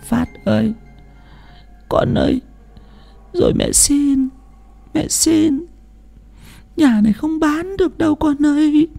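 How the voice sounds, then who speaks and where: A woman's voice: extremely high pitch, animated, unhurried, vocal fry, pauses often, a little mellow, faint music behind, exaggerated voice. A woman voicing a grieving old widow who pleads through tears. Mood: begging. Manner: tearful, pleading, sobbing. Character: grieving old widow haunted by her husband.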